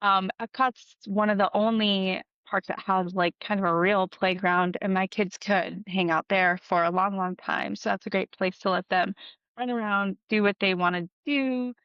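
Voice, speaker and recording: A woman's voice: mid-range voice, fairly even intonation, moderate pace, clear, resonant tone, dry recording. A woman in her thirties, a podcast co-host, chatting casually and giving practical tips with frequent ums. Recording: dull dry podcast audio.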